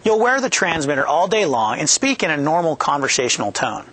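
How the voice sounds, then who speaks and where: On a studio set with a yellow backdrop, a product manager in his thirties gives a scripted training presentation via a headset boom mic. His fairly high voice is very animated, fairly quick, and a bit bright. He comes across upbeat and jokey, laying out steps clearly.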